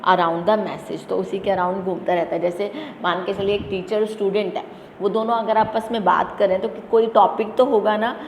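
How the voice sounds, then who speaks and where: A woman teacher explaining a lesson to students, asking questions and answering them herself, and reading English definitions slowly. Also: medium pitch, fairly even intonation, darkish tone. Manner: addresses students as "beta". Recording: echoey room with faint background noise.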